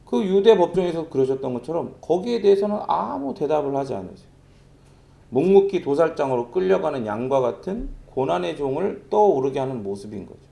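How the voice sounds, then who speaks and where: A man's voice: a little high, sing-song, fairly quick, creaky, dark tone. A middle-aged man preaching a sermon as pastor, talking in a conversational, storytelling way. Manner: conversational, storytelling with vivid sound imitations.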